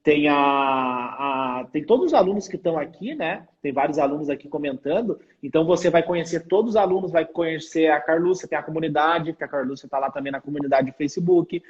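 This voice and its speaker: A man's voice: on the high side, brisk, few pauses, husky. A man hosting a live stream interview, upbeat and promotional, with frequent tag questions. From Brazil. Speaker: host, med-prep coach. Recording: dull lo-fi sound.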